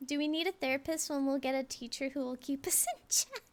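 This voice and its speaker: A woman's voice: high-pitched, fairly quick. A young woman chatting casually as a livestream host, in a cute, girlish, bubbly anime-streamer manner. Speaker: livestream host, VTuber artist.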